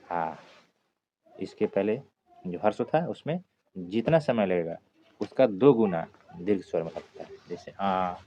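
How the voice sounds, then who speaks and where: A man's voice: sits low, lively intonation, unhurried, pauses often, mellow. A male teacher giving a step-by-step grammar lesson for exam students, often checking in with "okay?" as he goes. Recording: dull lo-fi sound with clear background noise.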